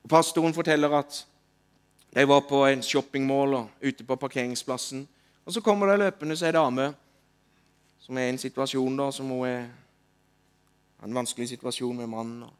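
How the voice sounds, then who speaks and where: Animated man preaching a sermon. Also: medium pitch, pauses often. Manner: animated, rising to loud calls when retelling. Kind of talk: sermon with storytelling.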